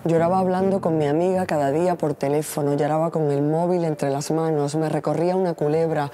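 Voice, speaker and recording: A woman in her forties, a poet reciting her own poem in a measured, solemn way. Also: low voice, steady tone, dark tone, soft background music. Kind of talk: poetry reading.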